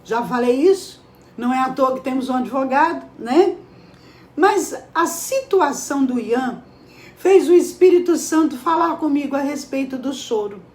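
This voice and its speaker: High-voiced woman preaching in an echoey room. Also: expressive, moderate pace, a little mellow. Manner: emphatic, rhetorical questions to listeners. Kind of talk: devotional preaching.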